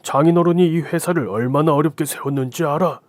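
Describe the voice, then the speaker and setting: A man's voice: a little high, quick pace, no room sound, pitched above the performer's own voice, natural voice. A man voicing a stern older family friend, a company director who lectures in an old-fashioned way. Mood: stern, rebuking.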